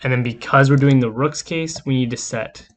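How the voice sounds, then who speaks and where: A man giving a recorded lecture, explaining code in a relaxed, casual way as he works through it. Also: mid-range voice, normal speed. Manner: casual, explanatory, talks while typing code. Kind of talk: screen-recorded coding lecture.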